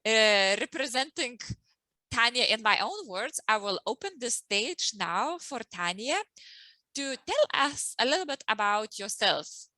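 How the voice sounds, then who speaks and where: Bright-voiced woman host, dry close sound. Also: fairly high pitch, expressive, measured pace, no echo, poor audio. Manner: warm-up introductions with frequent ums and restarts. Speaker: host and emotional well-being coach. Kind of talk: casual interview chat.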